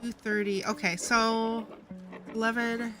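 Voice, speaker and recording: A tired woman livestreams a game and chats casually over background music. Her voice sits on the high side and sounds slightly stuffed-up and nasal, with a sharp tone and flat delivery. She speaks haltingly, stammering and often repeating words.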